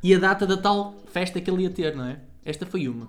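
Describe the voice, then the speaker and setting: A man's voice: high voice, lively intonation, fast. A man, hosting a casual chat in a teasing, colloquial way. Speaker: podcast host.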